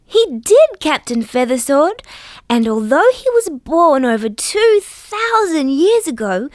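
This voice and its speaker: Dorothy the Dinosaur, high and singsong. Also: female voice, sing-song, slow, darkish tone, no echo, exaggerated voice. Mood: gentle, cheerful. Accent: Australian. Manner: sweet, patient, carefully enunciated. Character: friendly, gentle female dinosaur teaching young children. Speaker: children's show character. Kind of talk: scripted storytelling for small children.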